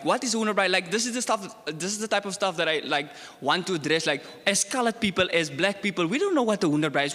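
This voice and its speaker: On a panel discussion, a young South African student talks with earnest intensity, his voice on the high side and fairly bright. Fillers like "like" crop up often as he grows heated, and the sound has a big-room quality.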